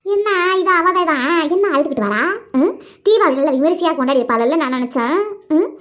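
A sharp-tongued cartoon woman, voiced by a woman. She complains in a high voice and talks fast. The audio sounds dull and lo-fi. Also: lively intonation. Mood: resentful. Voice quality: quick, scolding chatter. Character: grumbling village woman, the older sister figure. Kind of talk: animated cartoon voice acting.

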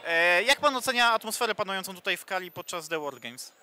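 Brisk, bright-voiced male reporter. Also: sits high, animated, faint music behind. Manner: brisk, formal questions. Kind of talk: post-event sports interview.

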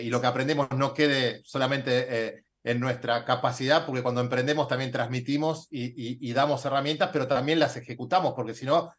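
A man's voice: mid-range voice, fairly bright tone. A man interviewing a guest in a casual business conversation, talking with many fillers and restarts.

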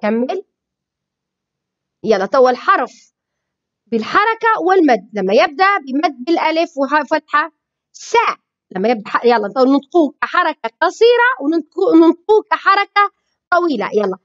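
A high-voiced woman with a Libyan Arabic accent leads a children's phonics lesson, her pitch swooping lively from sound to sound. She stretches each syllable slowly and says every sound twice. The recording is dull and lo-fi. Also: no room sound. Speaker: Arabic reading teacher.

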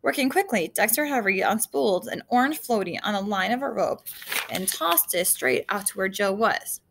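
A woman's voice: mid-range voice, animated, moderate pace, vocal fry, fairly bright tone, slight background noise. A woman reading a children's adventure novel aloud, casual, with slips and asides to her listeners.

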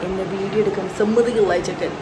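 In a casual family vlog recorded at home on a rainy evening, a woman with a Malayali accent chats while soothing a sleepy, crying child in a sing-song voice. Her voice sits in the mid range with a steady tone, she talks fast, and the recording is very noisy.

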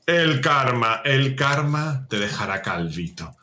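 A man's voice: medium pitch, very animated, slow, over a noisy crowd. A man, a guest co-player in a casual gameplay chat, full of jokey banter.

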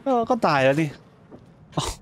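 A man's voice: normal speed, a little hiss or hum. A man giving casual let's-play commentary, blunt and swearing freely, with sudden startled exclamations. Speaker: gaming streamer.

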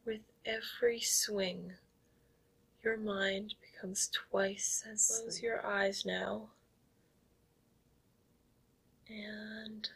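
A woman playing a stage hypnotist who calls herself a zombie queen, giving soft whispered commands in an ASMR hypnosis roleplay. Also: medium pitch, flat delivery, takes it slowly, gravelly, breathy edge, heavily acted, rough recording. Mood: soothing.

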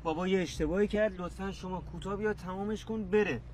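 An actor playing a pleading doctor son. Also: male voice, high-pitched, fairly even intonation, a little mellow, slight background noise, lightly acted. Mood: firm. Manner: pleading, placating. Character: young adult son, a doctor, conciliatory.

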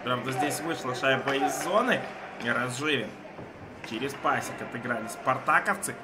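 A man's voice: mid-range voice, moderate pace. A man giving live play-by-play ice hockey commentary in short, clipped phrases. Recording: noisy ice rink broadcast.

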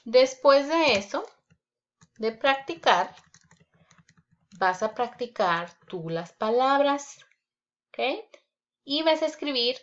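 Woman teacher going over words for kids, real slow and careful, kinda high voice. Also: animated, a bit bright. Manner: slow, deliberate, repeats words and checks with "ok?". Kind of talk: online reading lesson for children. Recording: dull lo-fi recording.

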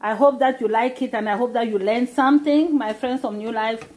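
With a fairly high, slightly mellow voice and fairly even intonation, this middle-aged cooking vlogger moves briskly through her steps. She chats casually in her home kitchen on a phone camera, explaining each stage with lots of fillers.

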